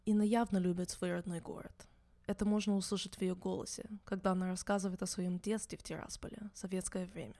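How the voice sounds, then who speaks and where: A woman who grew up in the United States, narrating her podcast in a calm, measured storytelling manner. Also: lowish voice, no echo, studio quality. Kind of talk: scripted narration.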